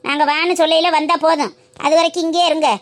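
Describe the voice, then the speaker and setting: A woman's voice: extremely high pitch, little pitch movement, fast talker. A woman voicing a bossy old village grandmother who scolds and gives orders in a cartoon. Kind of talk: cartoon voice acting.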